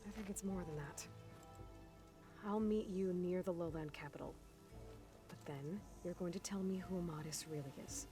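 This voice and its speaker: A woman's voice: on the low side, normal speed, long pauses, over music, close to an everyday voice. An actress playing a determined young female adventurer in a video game, direct and dryly probing. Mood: firm, challenging. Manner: direct, questioning, dry. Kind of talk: video game character acting.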